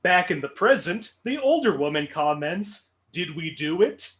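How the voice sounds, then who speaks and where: Game show host, male, unhurried clue reader with a lively, high voice. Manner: dry, mock-serious joking. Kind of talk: reading trivia clues.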